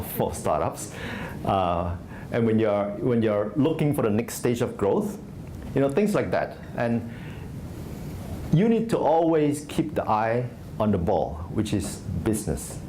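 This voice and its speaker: At a startup conference, a venture investor from Singapore speaks from the stage in a conversational talk full of fillers and restarts. His lowish voice is warm, with slight background noise.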